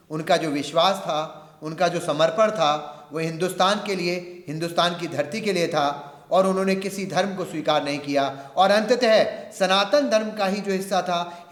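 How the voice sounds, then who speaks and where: A man giving an earnest public lecture, speaking with emphatic rhetorical repetition and mixing in English phrases. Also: high voice. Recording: echoey hall.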